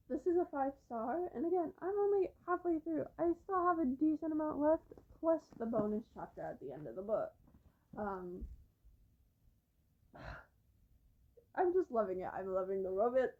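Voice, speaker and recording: A woman's voice: high voice, very animated, measured pace, long pauses, husky, phone-quality sound. A young woman chatting casually about books she has read, rambling with lots of fillers. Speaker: book reviewer. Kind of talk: casual book review vlog. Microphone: phone camera.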